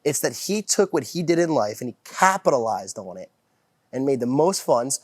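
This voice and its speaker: A man's voice: medium pitch, big pitch swings, normal speed, a little mellow, no room sound, studio quality. A man guest talking in a casual podcast chat about nightlife work, rambling with restarts and swearing freely. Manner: rambling, profane, many restarts.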